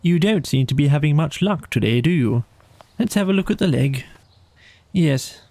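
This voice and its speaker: A man voicing a practical, kindly and excitable storybook rat, brisk and decisive with a colloquial way of talking. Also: fairly high pitch, no echo, pitched above the performer's own voice. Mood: kindly concern. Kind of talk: storybook character voice.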